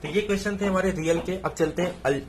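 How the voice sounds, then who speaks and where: A man teaching, working through exam math answers in a steady explanatory way, often asking a question and answering it himself. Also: high-pitched, quick pace, slight background noise. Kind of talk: exam solution walkthrough.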